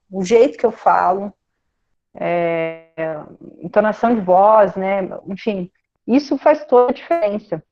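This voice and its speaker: A Brazilian woman psychologist giving a relaxed career guidance talk to students, often ending phrases with a questioning "né?". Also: mid-range voice. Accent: Brazilian Portuguese. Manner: conversational, frequent "né?" tag questions.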